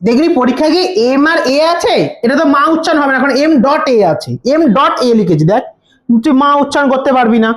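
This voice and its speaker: A woman's voice: high voice, animated, fast, echoey room. A woman tutoring a grammar lesson in a casual way, who keeps asking and answering her own questions and repeats the key answers.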